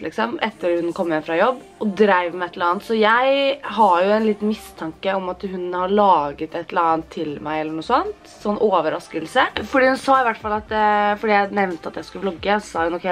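A young woman vlogging her birthday morning at home, talking casually and getting excited and teary. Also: medium pitch. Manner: excited, swearing, tearful exclamations. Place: apartment indoors.

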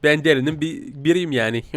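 A man gives teasing, giggly commentary as he plays a game, speaking as a cat. His voice sits high for a man and sounds close and dry. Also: a bit bright, no room sound. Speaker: gaming YouTuber playing a talking cat.

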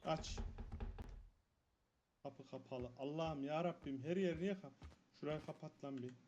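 A man's voice: fairly high pitch, unhurried, a little mellow. A man commenting on a horror game as he plays, jumpy and swearing, muttering prayers under his breath when scared. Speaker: gaming streamer. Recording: dull lo-fi mic with faint noise.

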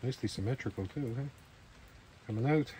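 A man's voice: mid-range voice, fast, dark tone. Easygoing man vlogging outdoors. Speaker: camping vlogger. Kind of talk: casual narration to camera. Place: outdoors at a rainy campsite. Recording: faint outdoor ambient noise.

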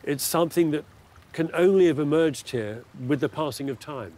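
A man's voice: fairly high pitch, moderate pace, warm tone, slight background noise. A man in his sixties presenting a home-renovation documentary, narrating and chatting on site with wry, enthusiastic exclamations. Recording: music bed under narration.

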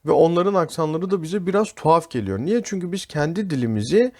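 Man, Turkish accent, teacher, podcast lesson, explaining, fairly high voice. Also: expressive, brisk, a little mellow. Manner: explaining, addresses listeners as friends. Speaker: English teacher.

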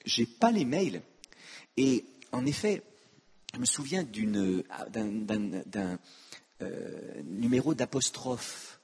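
A man's voice: mid-range voice, expressive, slow, darkish tone, slightly rough. An older man giving a public lecture, with witty, self-mocking asides to the audience. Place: conference hall. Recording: long hall reverb.

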